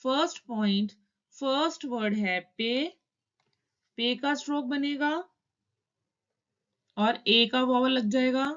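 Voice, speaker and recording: A woman teaching shorthand in a calm, step-by-step tutorial, explaining each stroke and vowel in turn. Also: high-pitched, slow, long pauses, lo-fi sound.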